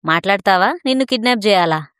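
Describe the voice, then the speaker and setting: A woman reading the part of a brash young man, impatient and teasing as he presses. The voice sits fairly low and close, with a dry, dead sound. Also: steady tone, normal speed, smooth, dry recording, natural voice.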